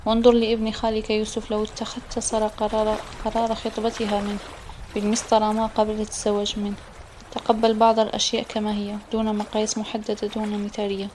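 A woman reading as a gentle widowed mother. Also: medium pitch, monotone, fast, a little hiss or hum, natural voice. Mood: earnest. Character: gentle middle-aged mother, widowed, wise.

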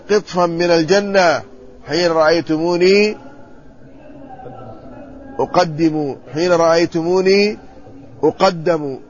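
A man, an Islamic scholar, giving a measured classroom commentary on hadith and checking the text with his students. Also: a little high. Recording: muffled lo-fi recording with faint ambience.

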